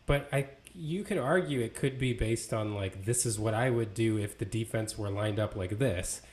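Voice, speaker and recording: A man's voice: lowish voice, moderate pace. A man co-hosting a casual sports podcast, talking in a loose, conversational way full of fillers and restarts. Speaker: podcast co-host.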